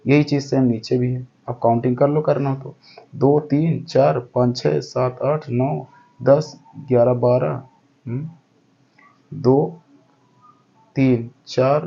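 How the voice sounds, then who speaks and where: A man's voice: medium pitch, steady tone, slow, gravelly, pauses often, warm tone, slightly rough, lo-fi sound. A man teaching a lesson step by step, counting aloud and often checking that the class follows. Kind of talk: explaining a lesson.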